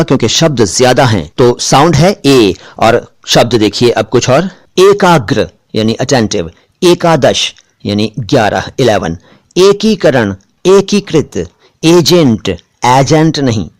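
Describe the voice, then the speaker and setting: A man teaching pronunciation, talking in a slow, deliberate way and repeating each word to contrast its sound. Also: medium pitch. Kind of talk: explanatory pronunciation lesson.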